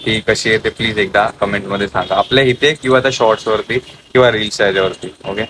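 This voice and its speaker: A man's voice: on the low side, fairly even intonation, fast talker, background noise. A man narrating a casual home vlog and chatting to his viewers as friends. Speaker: vlogger.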